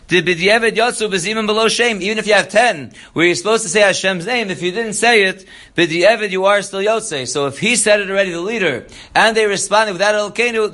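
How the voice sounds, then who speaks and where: High-voiced man teaching a halacha lesson. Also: brisk, pushed and bright. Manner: reads Hebrew text then explains in English. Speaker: Torah teacher.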